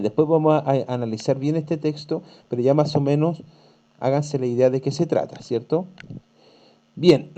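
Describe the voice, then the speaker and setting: A man's voice: mid-range voice, warm tone. A man teaching an online class, patiently reading and explaining a text, checking in often with "¿cierto?". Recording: dull lo-fi online class audio.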